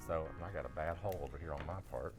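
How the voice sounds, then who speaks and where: A man's voice: extremely low pitch, very fast, over music. A man, a florist guest in casual chat and demonstration, folksy, repeating himself and trailing off.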